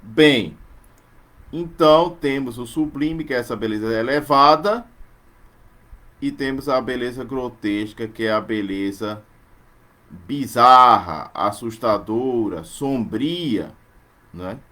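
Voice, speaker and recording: A man gives a live online literature lesson at an unhurried, deliberate pace. He draws out lines of verse syllable by syllable to show where the stress falls, his voice sitting at an ordinary middle pitch. He keeps checking in with his students through short tag questions. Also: a bit bright. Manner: explanatory, scanning verses slowly syllable by syllable. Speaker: literature teacher.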